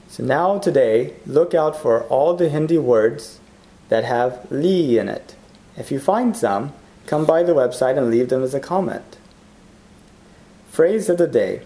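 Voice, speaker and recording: Male language teacher, soft mellow tone, explanatory scripted lesson delivery, careful with example words. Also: medium pitch. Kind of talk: scripted Hindi lesson narration.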